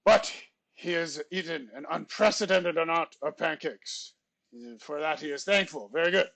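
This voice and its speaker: A man's voice: on the high side, normal speed, gravelly, a bit bright, dry recording. A man teacher voicing a pompous French substitute teacher in a put-on, exaggerated French accent, reading class announcements in stiff, formal phrasing. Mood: theatrical. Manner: formal, stilted phrasing with theatrical flourishes. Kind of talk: comic class announcements in character.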